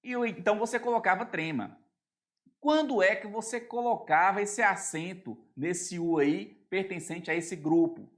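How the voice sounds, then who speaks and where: A man with a Brazilian Portuguese accent gives an exam-prep grammar lesson in a voice that sits high, at normal speed. He explains things step by step and keeps checking that his students are following.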